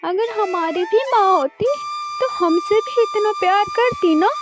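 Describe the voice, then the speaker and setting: A woman voicing a sad, gentle young girl in a cartoon story, talking in a soft, pleading way. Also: extremely high pitch, wildly swooping pitch, unhurried, over music, pitched above the performer's own voice, heavily acted.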